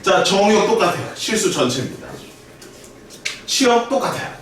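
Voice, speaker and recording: A man teaching a math class with a bouncy, animated delivery, a little higher-pitched than most men. He is heard from across an echoey classroom, with steady noise underneath. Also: normal speed, far from the mic. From Korea. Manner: lively, drills students with call-and-response. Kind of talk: classroom lecture. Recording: echoey room recorded from afar, noisy.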